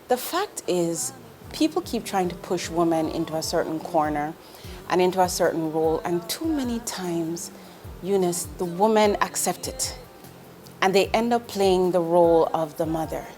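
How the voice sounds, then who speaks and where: Fairly low and a bit mellow, the voice belongs to a Jamaican woman in her forties who works as an investment executive. She answers an interview candidly and earnestly, direct in tone, with ums and restarts.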